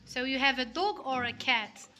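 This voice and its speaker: High, bright woman teaching. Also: normal speed, a little hiss or hum. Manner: prompting and correcting pupils patiently. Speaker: English teacher. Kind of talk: classroom instruction. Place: classroom.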